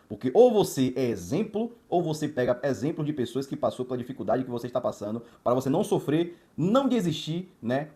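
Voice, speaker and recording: With a mellow, mid-range voice, this watch distributor from Salvador, Bahia, recounts his life in a motivational, emphatic style. He stacks repeated words into lists and keeps tossing in tag questions.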